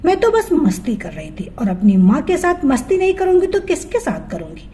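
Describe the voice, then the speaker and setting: A woman's voice: high voice, wildly swooping pitch, normal speed, warm tone, a little hiss or hum. A woman voicing a cheerful, loving young daughter-in-law in a storybook tale, speaking in a playful, affectionate way.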